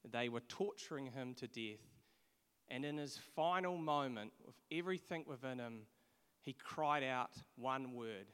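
A man's voice: medium pitch, measured pace, fairly bright tone, clear, resonant tone. A man preaching a sermon from England, earnest and conversational, with frequent restarts. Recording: long echo of a large hall.

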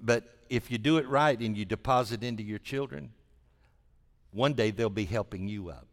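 A man's voice: fairly low pitch, normal speed. A man preaching a sermon as a pastor, in a folksy way, repeating phrases for emphasis. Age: 60s. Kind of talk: sermon to a congregation. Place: large church hall during a service. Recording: long hall reverb.

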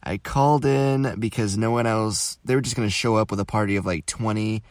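Young man telling a lively story. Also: lowish voice, brisk, no echo. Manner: animated, quotes people in changing voices. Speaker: podcast host. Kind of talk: casual storytelling monologue.

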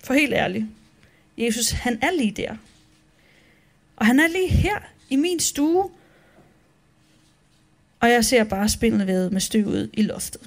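A woman's voice: fairly high pitch, expressive, long pauses. A woman pastor giving a candid, conversational devotional talk about her own restless thoughts.

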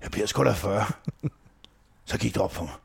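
Gravelly, creaky man telling comic tales. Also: fairly low pitch, lively intonation. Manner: slangy and profane. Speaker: podcast co-host reading a satirical diary. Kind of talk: comic storytelling with casual asides.

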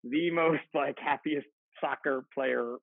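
A man's voice: medium pitch, steady tone, slow pace, creaky, no echo. A man, a firefighter, chatting casually as a podcast guest, rambling with frequent laughs and restarts. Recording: dry tinny phone-like line.

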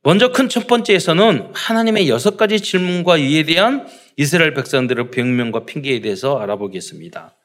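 Animated Korean pastor preaching. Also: male voice, fairly high pitch, brisk, few pauses. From South Korea. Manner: rhetorical questions, acted quotes of parents and children. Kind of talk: sermon.

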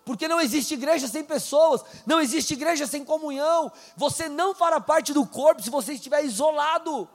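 A man preaching a sermon in a casual, conversational way, slowing down to read scripture aloud. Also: extremely high pitch, in a large hall, faint music behind. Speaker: pastor. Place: church hall.

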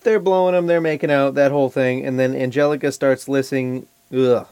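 A man's voice: mid-range voice, steady tone, a little fast, darkish tone, smooth, no room sound. A man with a Boston accent, co-hosting a podcast and casually recounting scenes in a dry, offhand way. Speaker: podcast co-host. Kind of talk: casual podcast chat reviewing a film.

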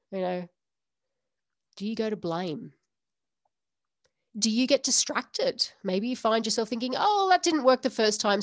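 Earnest and direct, a woman addresses her listeners alone on her podcast, asking one rhetorical question after another as a form of coaching talk. Her voice is medium-pitched, and the studio recording is clean with no echo.

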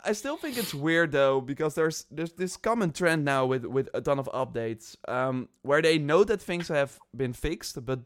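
Chatty podcast host, clear voice. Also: male voice, a little high, lively intonation, moderate pace, hardly any pauses, dry recording. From Netherlands. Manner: chatty, loose, many fillers and restarts. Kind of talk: casual podcast chat.

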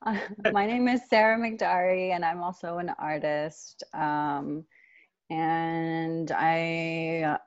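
Slow thoughtful woman from iran, lowish voice, dull lo-fi sound. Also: steady tone, no echo. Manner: thoughtful, searching for words. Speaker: artist panelist. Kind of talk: roundtable introduction. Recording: dull lo-fi audio.

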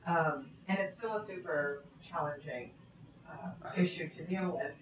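A woman's voice: sits low, measured pace. Italian-born woman, distant echoey recording. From Italy. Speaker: guest. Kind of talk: casual conversation. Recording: distant mic in echoey room, dull and noisy.

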